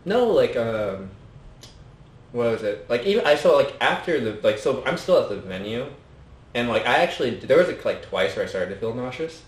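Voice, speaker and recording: A man's voice: mid-range voice, very animated, normal speed, roomy sound. A man in casual podcast chat, speaking hesitantly with many fillers as he recounts a concussion.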